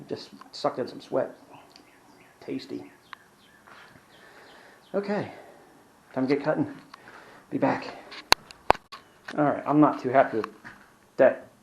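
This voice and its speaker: A man's voice: medium pitch, vocal fry, background noise. A young man chatting casually while building in a hot workshop, out of breath, rambling and self-deprecating, swearing when frustrated, filmed on a handheld camera. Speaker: woodworking vlogger.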